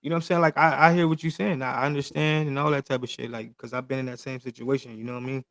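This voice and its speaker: A man's voice: mid-range voice, steady tone, very fast, gravelly, fairly bright tone, dry recording. A man in his late thirties in casual podcast chat, talking in loose, slangy, emphatic stories. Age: 30s. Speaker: podcast host.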